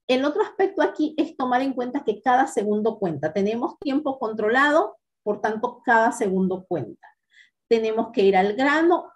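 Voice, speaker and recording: A woman teaching a class on public speaking in a methodical, encouraging way, often pausing with hesitant fillers. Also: mid-range voice, a little mellow. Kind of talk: instructional talk to students.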